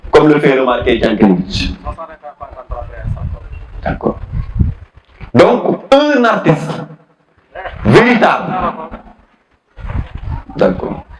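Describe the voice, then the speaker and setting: A man's voice: high voice, roomy sound, a little hiss or hum, low-quality recording. A man teaching a philosophy class, repeating key phrases, questioning students and switching between French and Wolof. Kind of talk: classroom lesson.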